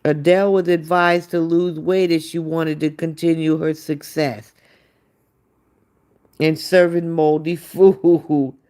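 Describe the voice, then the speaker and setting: A woman's voice: sits low, fairly even intonation, slow pace, dark tone. A woman hosting a livestream, giving casual gossip commentary in a blunt, profane way and talking back to her viewers. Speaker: livestream host.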